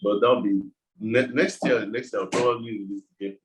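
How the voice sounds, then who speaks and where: A man's voice: lowish voice, steady tone, a little fast, noisy background. A man with a West African accent talking casually as an interview guest, explaining things in a loose, informal way. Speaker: game developer being interviewed.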